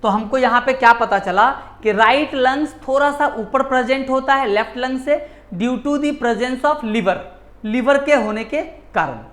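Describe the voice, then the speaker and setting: A man's voice: very high-pitched, normal speed, few pauses, a bit bright. A male teacher giving a classroom lecture in Hindi mixed with English terms, often repeating key words and answering his own questions. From India.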